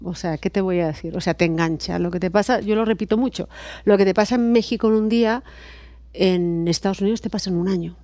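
Lively Spanish woman, dry close sound. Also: medium pitch, fast, dry recording. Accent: Spanish (Spain). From Spain. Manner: lively, expressive storyteller, laughs often. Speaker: guest psychologist. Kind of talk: casual podcast chat.

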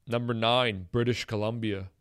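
A man with an Acadian French Canadian accent, hosting a casual bilingual interview in an informal, halting way. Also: mid-range voice, steady tone, a bit bright, no room sound, studio quality. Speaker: host.

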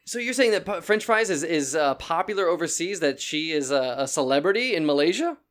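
A man hosts a spoof talk show in a mock-serious tone, stumbling over his words as he questions guests. His voice sits slightly high for a man. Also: lively intonation, fairly quick, a bit bright. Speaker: host.

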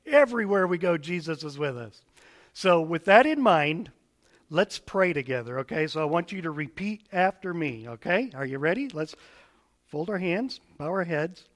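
A man's voice: a little high, very animated, moderate pace. A male pastor speaking to children in a sweet, patient Sunday school manner, with simple phrases and prompts. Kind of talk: children's sermon, then sermon to congregation.

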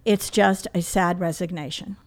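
A middle-aged woman, a therapist, telling a personal story in an interview in a reflective, halting way. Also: lowish voice, fairly even intonation.

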